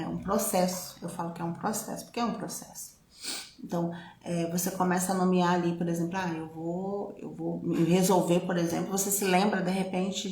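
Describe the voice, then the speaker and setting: A woman's voice: on the low side, a little hiss or hum. A woman with a Brazilian Portuguese accent giving a reflective personal talk, conversational and full of tag questions. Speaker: speaker on self-knowledge. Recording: roomy echo.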